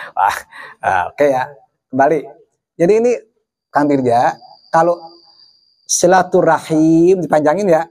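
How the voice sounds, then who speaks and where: A man's voice: high-pitched, a little mellow. A man giving a Sunday morning religious lecture, asking his audience questions and answering them himself, drawing out words to show how they are said. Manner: stretches words to show pronunciation. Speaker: preacher.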